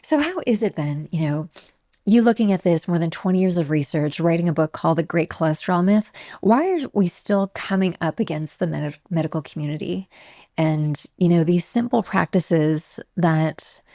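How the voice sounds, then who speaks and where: A woman with a low, gravelly and mellow voice hosts an interview. She nods along and asks long questions, and the recording is dry. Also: moderate pace, no room sound. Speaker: podcast host.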